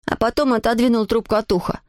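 Brief: woman narrator, slightly high voice, dry close-mic storybook reading. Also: fairly even intonation, fast talker, a little mellow, no room sound. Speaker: audiobook narrator.

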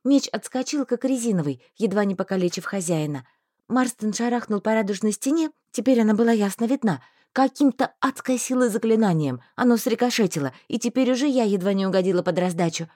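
A woman reading a fantasy audiobook aloud, telling a first-person story with lively expression. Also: mid-range voice, a little fast, dry recording, clean studio sound. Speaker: audiobook narrator.

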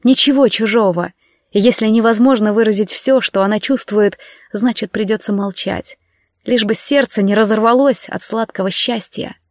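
A woman's voice: medium pitch, moderate pace, darkish tone, no room sound, studio quality. Woman reading a novel aloud. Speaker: audiobook narrator. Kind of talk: scripted narration.

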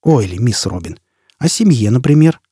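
A man's voice: medium pitch, expressive, moderate pace, warm tone, husky, no echo, clean studio sound. A man playing a scarred, menacing, vengeful man who speaks in a curt, growling, threatening way.

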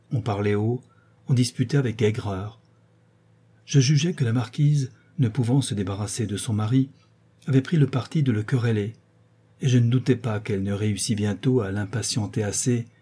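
Husky-voiced male audiobook narrator. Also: mid-range voice, moderate pace, warm tone.

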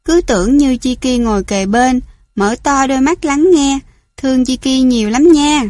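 A gentle ten-year-old girl murmuring softly and tenderly, as a woman reads her. The voice sits a little high. The sound is dry and close, with no room around it. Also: moderate pace, no echo, lightly acted. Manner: tender, coaxing whisper-like murmur.

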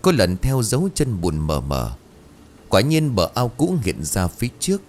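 A man's voice: fairly low pitch, huge pitch swings, moderate pace, a little mellow, a little hiss or hum. A man narrating a ghost story in a dramatic, suspenseful way.

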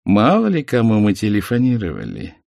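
A man's voice: lowish voice, wildly swooping pitch, fairly quick, vocal fry, darkish tone, dry recording, clean studio sound, full character voice. A man voicing a jovial swindler who talks cocky and smirking, in an audiobook. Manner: cocky and mocking.

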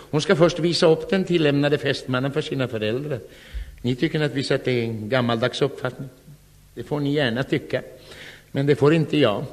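A man in his fifties delivering a scripted comic monologue. He tells the story in a wry, deadpan way. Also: on the high side, big-room sound.

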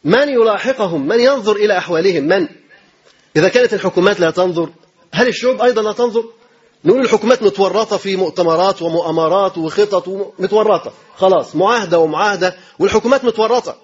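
Delivered in a dull, lo-fi recording, this sermon comes from a male preacher with an Egyptian accent who talks fast in a high, husky voice. His style is emphatic, packed with rapid rhetorical questions and phrases said twice.

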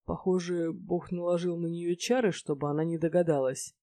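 A woman's voice: on the low side, steady tone, normal speed, warm tone, no echo, lightly acted. A woman voicing a young male dragon rector, earnest and a bit hesitant. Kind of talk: audiobook character voice.

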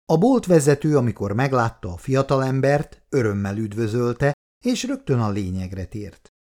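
A man reading a story aloud as narrator in an expressive way. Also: mid-range voice.

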